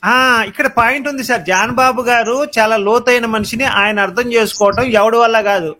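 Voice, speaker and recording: A man hosting a live online discussion, animated and quizzing his guests. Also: extremely high pitch, moderate pace. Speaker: host of a live debate.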